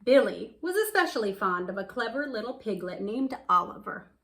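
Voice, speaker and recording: This children's storybook reader, a woman, tells a picture book story expressively and elongates words for emphasis. Her voice is a little high, sing-song and fairly bright, at a moderate pace.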